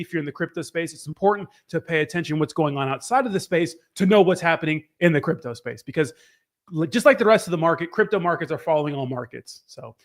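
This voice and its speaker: A male live stream host with a notably high, slightly hoarse voice chats casually and upbeat. He mixes market news with slangy, informal greetings and shout-outs to his viewers, keeping up an informal hype.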